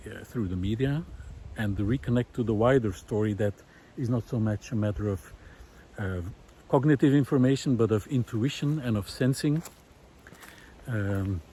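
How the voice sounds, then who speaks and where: Walking through a forest, a vlogger who is an environmental researcher and former visual artist muses aloud in an earnest, hesitant, unscripted way. His mid-range voice is mellow and slightly rough, and outdoor forest ambience fills the background.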